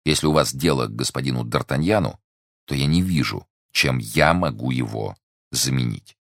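A man voicing a calm, dry-witted musketeer of about thirty who speaks coolly. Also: extremely low pitch, brisk, gravelly, dry recording, exaggerated voice. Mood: bored. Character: calm cool male musketeer around thirty. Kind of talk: audiobook character reading.

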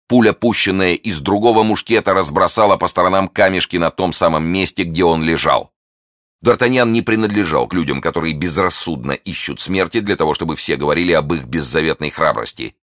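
A man reading a classic adventure novel aloud as an audiobook narrator, in a measured storytelling way. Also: low-pitched, a bit bright, no room sound, clean studio sound.

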